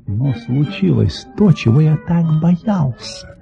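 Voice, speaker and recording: An actor playing an excitable, boastful adventurer baron in a theatrical, expressive audio play style, with a husky voice. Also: male voice, a little high, slow, lo-fi sound, loud music behind the voice, exaggerated voice. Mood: storytelling. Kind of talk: Soviet audio play acting.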